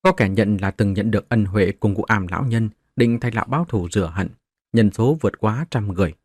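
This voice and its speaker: A man's voice: lowish voice, fairly quick, a little mellow, no room sound, studio quality. A man narrating a martial-arts novel as a scripted audiobook, voicing the characters in his own voice.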